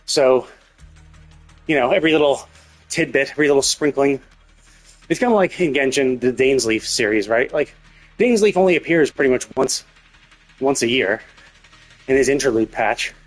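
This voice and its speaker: A livestream host with a medium-pitched, expressive voice rambles through casual game commentary at normal speed, thinking aloud and pausing often. Game music plays behind him.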